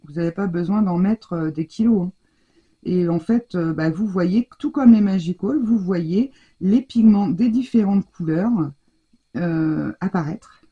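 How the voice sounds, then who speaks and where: A woman's voice: lowish voice, unhurried, husky, lo-fi sound. A woman chatting to viewers as she demonstrates a craft technique, talking while she works and often restarting her sentences. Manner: talks straight to viewers while working, restarts and trails off. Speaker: craft tutorial host.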